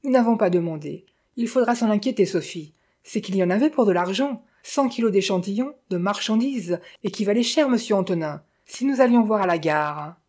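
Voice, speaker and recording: A woman reading an audiobook, voicing a sharp-tongued, greedy middle-aged widow who scolds and frets about money. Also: lively intonation, brisk, few pauses, close to an everyday voice. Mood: fretful. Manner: shrill, scolding and grasping. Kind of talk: audiobook character voice.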